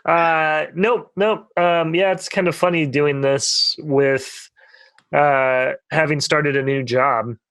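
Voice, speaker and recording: A young man co-hosting a casual podcast tells a long, rambling story among friends, full of fillers. His voice is a little high and a bit bright, slow and steady, recorded clean with no room sound.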